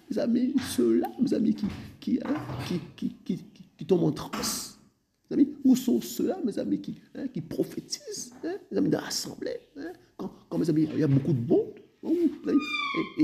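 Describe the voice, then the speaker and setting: A man preaching a sermon, repeatedly addressing his listeners and shifting between full-voiced phrases and hushed, whispered ones. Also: a little high, creaky.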